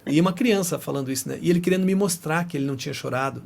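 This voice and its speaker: A man's voice: on the high side, racing, vocal fry, very noisy. A middle-aged Brazilian man with a Brazilian Portuguese accent, a guest in an interview who chats and tells stories, often tagging his sentences with "né". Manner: chatty, often tags phrases with "né". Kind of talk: casual interview storytelling.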